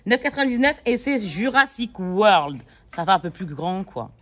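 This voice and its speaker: A woman's voice: medium pitch, big pitch swings, normal speed. A woman, a mother of several children, chatting casually to her viewers as she shows off her shopping, rambling with lots of fillers and self-corrections. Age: adult mother. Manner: addresses viewers directly. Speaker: vlogger. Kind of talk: casual shopping haul chat.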